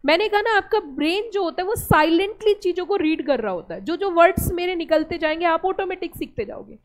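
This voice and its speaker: A young Indian-accented woman lectures a class, building each point step by step and turning to her students with questions. Her voice sits very high. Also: expressive, brisk. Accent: Indian English. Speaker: teacher.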